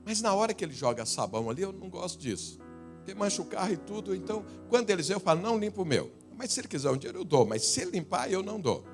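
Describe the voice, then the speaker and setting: A Brazilian-accented male pastor preaching in a high, very lively voice that climbs and drops. He tells stories, shifting from loud emphatic lines to low asides, with soft music under him. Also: racing. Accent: Brazilian Portuguese. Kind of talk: sermon. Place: church.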